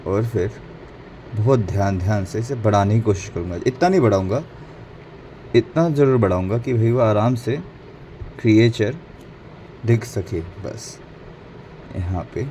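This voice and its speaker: A low-pitched man talks through a painting lesson in a mellow, unhurried voice, switching between Hindi and English and catching his own slips. A faint hum of background noise sits under the recording. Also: low-quality recording. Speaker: painting instructor. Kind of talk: casual painting tutorial narration.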